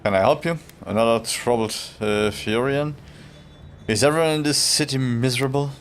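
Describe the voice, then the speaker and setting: A man's voice: medium pitch, moderate pace, slight background noise. A man streaming a video game, chatting casually, reading player lines aloud with wry asides. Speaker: gaming streamer. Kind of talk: casual let's-play commentary.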